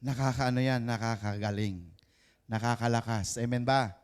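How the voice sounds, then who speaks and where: A man's voice: medium pitch, steady tone, normal speed, smooth. Male pastor, live church sermon, code-switching, frequent call-and-response. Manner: mixes Tagalog with English, prompts the congregation with "Amen ba?".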